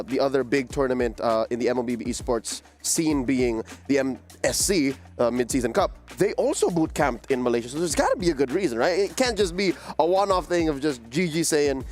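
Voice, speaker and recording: A man hosting an esports analyst desk. He asks his co-hosts questions and keeps the banter going. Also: mid-range voice.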